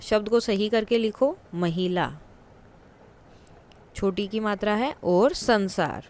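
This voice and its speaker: A woman teacher explaining a worksheet in a patient way, repeating words slowly for her students. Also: mid-range voice, a little mellow.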